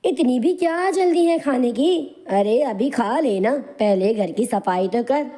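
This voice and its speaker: A woman voicing a cruel middle-aged aunt who scolds and taunts in a harsh, bullying manner in an animated storybook. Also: fairly high pitch, measured pace. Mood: harsh scolding.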